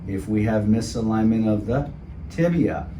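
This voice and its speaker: A middle-aged man speaks as a chiropractor, naming bones and spine levels one at a time in an instructive way. His voice sits very low. The recording is from a small clinic room with noticeable background hiss. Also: moderate pace. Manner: calm, instructive, names body parts step by step. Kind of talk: explaining to a patient during treatment. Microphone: camera in the room.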